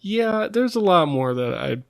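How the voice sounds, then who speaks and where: A man's voice: high voice, sing-song, a little slow, gravelly, no room sound, clean studio sound. A young man co-hosting a podcast, talking casually in a rambling way with many fillers and frequent laughs. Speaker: podcast co-host. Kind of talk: casual chat.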